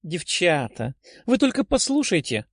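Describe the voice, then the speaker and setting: A man's voice: sits high, huge pitch swings, a little slow, dry recording, clean studio sound, full character voice. A man reading an audiobook voices a sly young woman who teases her friends with gleeful delivery. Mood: teasing.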